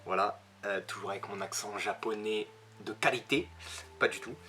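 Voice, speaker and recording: A man's voice: fairly low pitch, moderate pace, bright, forceful tone, a little hiss or hum. A man giving a casual spoken review as a manga reviewer, chatty, with frequent hesitations and self-corrections.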